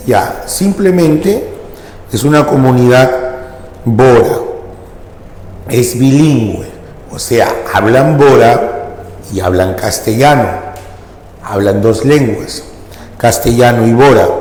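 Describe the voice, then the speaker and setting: Slow-talking teacher in an echoey room. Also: male voice, mid-range voice, darkish tone. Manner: explains slowly, asks students rhetorical questions. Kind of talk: classroom language lesson. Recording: echoey room with long reverb.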